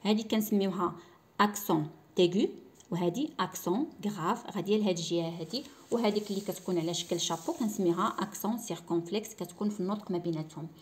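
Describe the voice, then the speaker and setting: A woman teacher speaks with a Moroccan Arabic accent in a patient, explanatory way. She slows down and says each word several times, as if modelling pronunciation for pupils. Her voice sits at an ordinary middle pitch. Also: a little mellow. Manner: slow, repeats words to model pronunciation. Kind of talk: school lesson explaining French accents.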